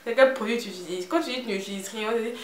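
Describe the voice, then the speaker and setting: A woman voicing a nosy acquaintance who pleads for beauty secrets in an Ivorian French accent, teasing and swooping high. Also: rapid-fire, natural voice. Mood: pleading, teasing. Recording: roomy echo with faint hiss.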